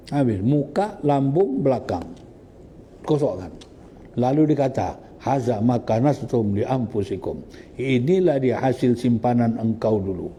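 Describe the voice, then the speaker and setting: A man with a Sabah Malay accent delivers a religious lesson in a mellow, warm voice. He recites Arabic verses and then explains them, often pausing to ask his listeners questions. Faint noise sits under the recording. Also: medium pitch, big-room sound. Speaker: religious teacher. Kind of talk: Islamic lecture explaining Quranic verses.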